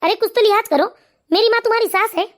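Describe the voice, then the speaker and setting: An earnest grown son, voiced by a performer in an animated family story. He speaks quickly in a very high voice, with pleading and pressing questions. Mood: puzzled. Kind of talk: animated cartoon voice acting.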